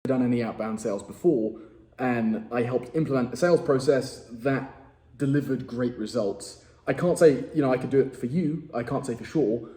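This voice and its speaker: English man, cold sales calls, direct, chatty, warm tone, echoey room. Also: mid-range voice, moderate pace. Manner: direct, chatty, self-deprecating. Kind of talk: live cold calls with asides to camera. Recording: roomy echo.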